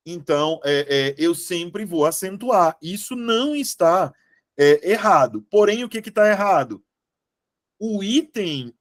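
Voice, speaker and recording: A Brazilian man with a slightly high voice gives an online exam-prep grammar lesson. He takes his time and checks in with the class often. He fondly calls the students "meus amores.". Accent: Brazilian Portuguese. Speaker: Portuguese grammar teacher.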